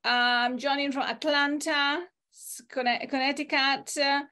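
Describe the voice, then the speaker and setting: A woman hosts a relaxed group video call, her voice pitched high. She reads out a long list of places, filling the gaps with ums and uhs. The sound is that of a laptop mic. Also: measured pace. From Italy. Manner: reads out names and places, with fillers. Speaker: host.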